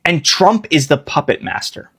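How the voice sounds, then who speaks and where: A man's voice: fairly high pitch, very animated, normal speed, a bit bright, husky. A man giving blunt, heated political commentary, with swearing.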